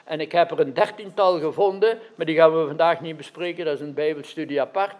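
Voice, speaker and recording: Here a man delivers an interactive sermon quickly, his voice on the high side and a little mellow. Questions to the audience come often, punctuated by repeated "right?" checks to confirm they follow.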